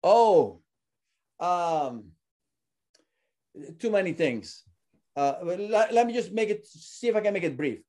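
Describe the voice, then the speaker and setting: Male guest from Suriname, earnest and halting, fairly high, warm tone. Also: animated. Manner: earnest, often repeats words while searching for them. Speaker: ministry founder, guest. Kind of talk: casual interview talk.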